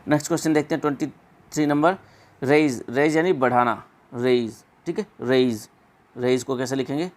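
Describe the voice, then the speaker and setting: A man teaching an exam-prep English pronunciation lesson, repeating words slowly and drawn out. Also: mid-range voice.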